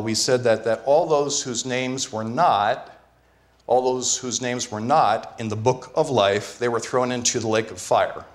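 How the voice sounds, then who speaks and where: A man preaching a sermon as pastor, earnest and teaching, repeating key phrases for emphasis. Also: mid-range voice. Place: church.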